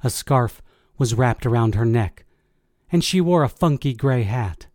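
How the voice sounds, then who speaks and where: A man reading a first-person audiobook in a measured, steady way. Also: medium pitch, dry recording, clean studio sound. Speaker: audiobook narrator.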